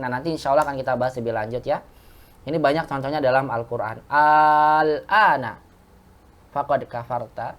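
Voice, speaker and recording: A woman teaching an Arabic lesson to a class, explaining step by step and asking the class questions. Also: deep voice. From Indonesia. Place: mosque classroom.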